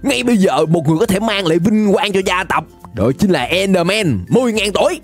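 Woman, excited gameplay commentary, playful, rapid repeated words, mid pitch, faint music behind. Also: husky. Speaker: gaming channel host.

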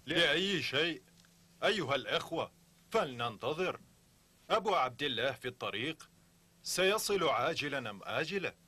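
An actor dubbing a cautious man in a historical drama who urges restraint in a measured way. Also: fairly high pitch, animated, sharp tone, husky, exaggerated voice. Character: cautious male elder urging restraint.

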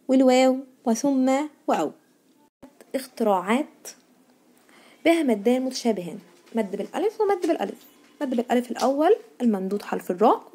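A woman's voice: high-pitched, warm tone. A woman teaching a primary school grammar lesson in Egyptian Arabic. She stresses each new word and answers her own questions to the pupils. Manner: asks pupils questions and answers them herself.

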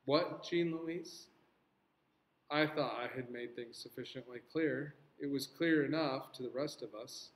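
A man's voice: medium pitch, steady tone, moderate pace, hardly any pauses, reverberant, slight background noise, rough recording. A man reading a novel aloud to a class, stopping for casual asides to explain the story.

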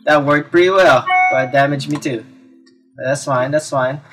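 A let's play gamer with a somewhat high voice talks at normal speed, exclaiming and reacting to himself as he casually comments on his gameplay. Video game music plays behind him.

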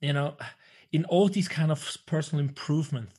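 Animated Swiss man hosting a video call. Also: a little high, normal speed, husky. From Switzerland. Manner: animated, gestures a lot, swears when flustered. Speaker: podcast host. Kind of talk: casual video-call interview. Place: small room at home. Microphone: desk microphone on video call.

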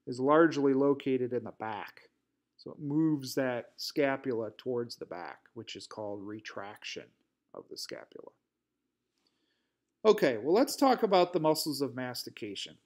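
A man giving a recorded anatomy lecture, explaining step by step over drawings with some fillers and restarts. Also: mid-range voice. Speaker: instructor. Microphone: voice-over narration over drawings.

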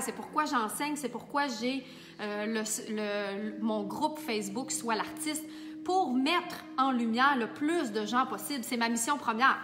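Woman, Québécois accent, bright voice, casual vlog chat, faint music behind. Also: fairly high pitch, long reverb tail. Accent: Québécois French. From Quebec. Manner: warm, enthusiastic, talks straight to viewers. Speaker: makeup artist and teacher.

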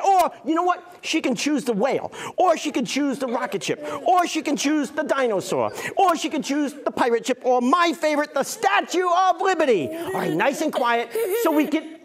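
A man's voice: very high voice, sing-song, normal speed, hardly any pauses. A middle-aged man working as a kids party magician, playing to a live audience with theatrical mock exasperation and exclamations. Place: small indoor stage before an audience of children. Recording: noisy live room with crowd of children.

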